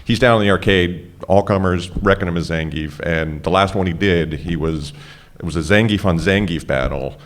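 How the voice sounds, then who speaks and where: A man with a very deep voice tells a relaxed, casual story to a panel audience. His manner is easygoing and conversational. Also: moderate pace, slight background noise.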